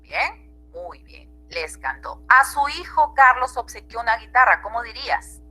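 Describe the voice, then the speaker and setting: A woman's voice: on the high side, animated, unhurried, bright, forceful tone, soft background music, low-quality recording. A woman teacher with a Peruvian Spanish accent, giving an online grammar class and checking in with her students often.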